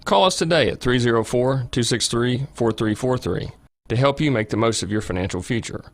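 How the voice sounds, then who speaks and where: Male advisor presenting a scripted commercial, middle pitch, very dry close recording. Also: a little fast, dry recording. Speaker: financial advisor in an advertisement. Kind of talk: scripted ad read.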